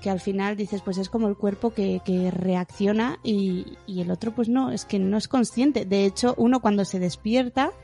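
A woman's voice: medium pitch, steady tone, normal speed, creaky, hardly any pauses, dark tone, faint music behind. A woman from hosting a podcast, chatting casually and exclaiming often. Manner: chatty, exclaims and reacts a lot. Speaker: podcast host. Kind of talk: casual chat.

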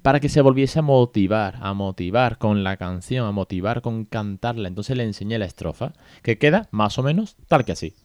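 Low-voiced Spanish man, chatty podcast host. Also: normal speed, hardly any pauses, dry recording. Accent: Spain Spanish. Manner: chatty, colloquial, animated storytelling with asides to listeners. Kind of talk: casual podcast monologue.

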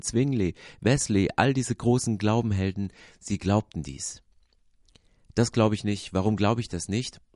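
Man, low voice, earnest devotional podcast talk, dry close sound. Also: a little mellow, dry recording. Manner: earnest and reflective. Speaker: podcast host.

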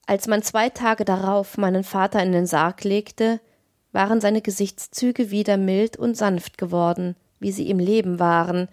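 A woman narrating a literary tale in a measured, expressive audiobook reading. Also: mid-range voice, no echo, clean studio sound.

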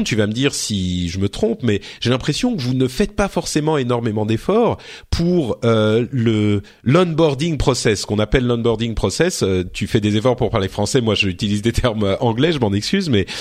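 Man interviewing casually, mid-pitched voice. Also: very animated, moderate pace.

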